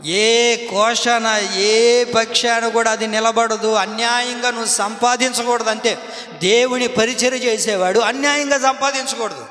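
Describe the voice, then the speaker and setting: A man's voice: very high voice, fairly even intonation, measured pace, pushed and bright, reverberant, big-room sound. A man preaching a sermon as pastor, emphatic, repeating phrases and asking his congregation questions. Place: church hall.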